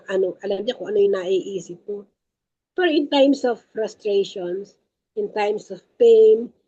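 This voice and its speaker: Husky woman preaching. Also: mid-range voice, dark tone, lo-fi sound. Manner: emphatic, repeats key points, addresses listeners as brothers and sisters. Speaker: lay speaker at a prayer group. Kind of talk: Taglish faith teaching talk.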